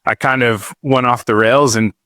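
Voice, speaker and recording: His medium-pitched voice keeps fairly even intonation at a normal pace and sounds a bit bright, recorded with studio quality and no room sound. A thirties-aged podcast guest, he loosely recounts his life in a casual interview, laid-back and full of "dude" and "like."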